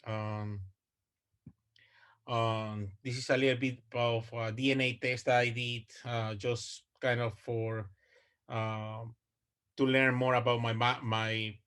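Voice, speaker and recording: A man in his 40s from Ecuador, a native Spanish speaker, gives a research talk as an online presentation over a video call. His medium-pitched voice is flat, slow, a bit bright and smooth. He sounds hesitant, with lots of uhs, fillers and restarts.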